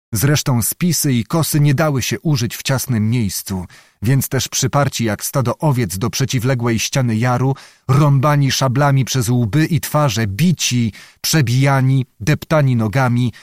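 A man reads a historical novel aloud in a measured, dramatic way, as an audiobook narrator. His voice sits at a mid pitch. The sound is dry and close, with no room around it. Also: a little mellow, no echo.

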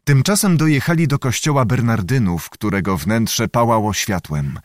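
A man's voice: mid-range voice, lively intonation, moderate pace, no room sound, clean studio sound. Solemn male audiobook narrator. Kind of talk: scripted narration of a historical novel.

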